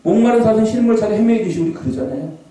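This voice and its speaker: A man preaching a revival sermon with a warm, mellow voice that swings through a lively range. He sometimes shouts out scripture cries. The recording catches him from across a big, echoing prayer hall. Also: high voice, very fast. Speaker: pastor. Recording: echoey hall, voice from far off.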